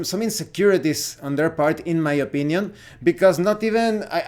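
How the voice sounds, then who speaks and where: A gaming vlogger with a Mexican accent offers his opinions in a casual monologue, speaking haltingly as he searches for words. His voice is fairly high-pitched and a little mellow.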